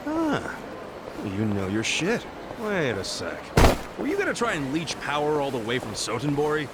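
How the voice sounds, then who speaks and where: Casting: blunt, curious game sidekick, slightly high, lively pitch, heavy background noise. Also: male voice, normal speed. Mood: surprised, curious. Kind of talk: video game voice acting.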